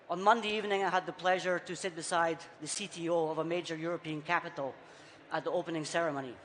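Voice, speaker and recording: A high-voiced conference speaker from Scotland, his accent softened by time spent abroad, gives a punchy keynote on stage. He relies on short, repeated rhetorical phrases. The audio carries the reverberation of a large conference hall along with faint background noise.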